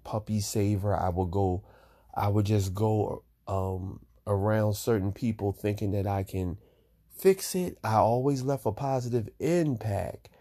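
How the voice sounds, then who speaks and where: A middle-aged man hosts his own podcast in an easygoing, rambling way, circling back and repeating his points. His voice sits a little low. He fills the gaps between songs with loose, unhurried talk full of fillers. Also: mellow. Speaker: podcast host.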